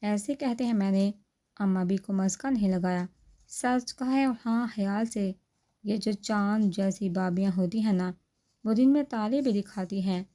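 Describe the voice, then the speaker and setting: A woman's voice: medium pitch, mellow, close to an everyday voice. A woman voicing a playful, joking adult man who is a protective older brother, in a storybook reading. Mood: teasing. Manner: joking, mock-stern.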